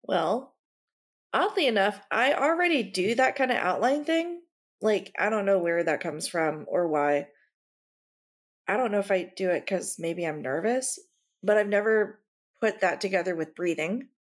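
A woman co-hosting a casual podcast, talking in a reflective, hesitant way, often pausing with "you know" and "um". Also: mid-range voice, expressive. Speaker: podcast co-host. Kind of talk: casual chat.

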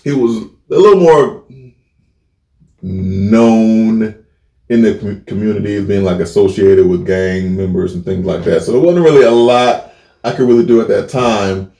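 A man's voice: fairly low pitch, moderate pace, gravelly, dark tone. A man co-hosting a podcast, telling a long casual story with swearing and many restarts. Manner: rambling, profane, many restarts. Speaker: podcast co-host. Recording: roomy echo.

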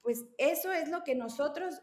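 High-voiced therapist, echoey room. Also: female voice, moderate pace. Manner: patient, explains with examples. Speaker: language therapist guest. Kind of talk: explanatory podcast conversation. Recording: roomy echo.

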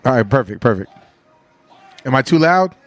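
A man joining as a guest DJ, chatting quickly and casually. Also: mid-range voice, big pitch swings, faint music behind. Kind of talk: casual chat.

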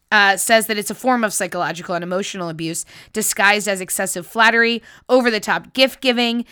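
A woman's voice: medium pitch, bright, forceful tone, smooth, no room sound, studio quality. A woman hosting a chatty solo podcast in a casual, cheeky, sweary way, her voice nasal and congested as if she has a sniffly nose. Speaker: podcast host.

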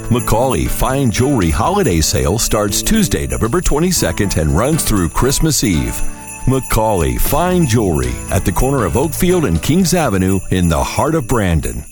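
Male radio announcer for a holiday sale ad, lively varied pitch, music bed behind. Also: normal speed. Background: music, jingle bells.

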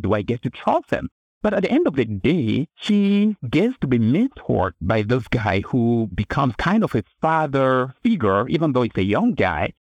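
Man with a lively, dry voice. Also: mid-range voice, dry recording. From Cameroon. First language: a language other than English. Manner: earnest, storytelling, many restarts. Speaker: author and guest. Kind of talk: interview answers.

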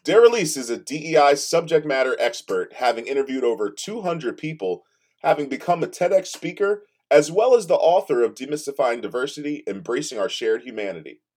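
A man's voice: medium pitch, animated, fairly quick, a little mellow. A man reading a scripted podcast promo in an upbeat, salesy way, stressing each item.

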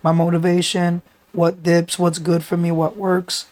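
A man with a New York accent hosting a podcast, his voice raspy because he is sick; he talks in long, thoughtful, run-on sentences. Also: high voice, completely flat delivery, measured pace, darkish tone, no room sound. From the Bronx. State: sick, under the weather. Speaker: podcast host. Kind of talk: casual chat.

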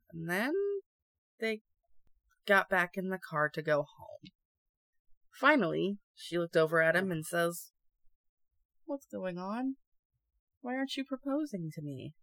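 A young woman co-hosting a casual chat and reading stories aloud, chatty and quick to laugh. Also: lowish voice, fairly bright tone, dry recording. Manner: chatty and giggly. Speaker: podcast co-host.

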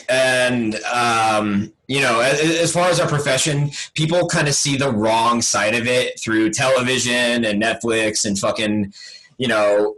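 A man's voice: medium pitch, fairly bright tone, low-quality recording. A man hosting a casual interview, enthusiastic and profane, laughing often. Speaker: podcast host and lawyer.

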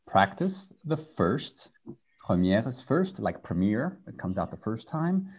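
A man's voice: fairly low pitch, big pitch swings, takes it slowly, a little mellow, husky. A man teaching a live French group lesson over a video call, switching between French and English and drilling repetition.

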